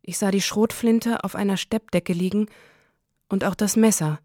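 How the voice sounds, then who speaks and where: A woman reading a first-person literary story in a calm, measured way. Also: mid-range voice, dry recording, clean studio sound. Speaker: audiobook narrator.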